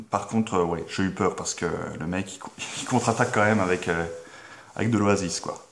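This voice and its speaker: A young Belgian man with a Belgian French accent, telling a deadpan comic story to the camera in a halting way, full of filler sounds. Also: sits low. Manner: hesitant, full of filler sounds, with sudden mock-outraged yelps. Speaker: comedy vlogger.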